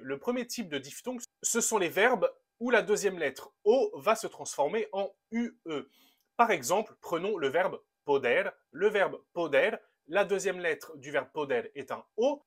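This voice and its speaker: A man teaching a language lesson, upbeat and methodical, slowing down to spell out each verb form. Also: high-pitched, fairly bright tone. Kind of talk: explaining grammar to a camera.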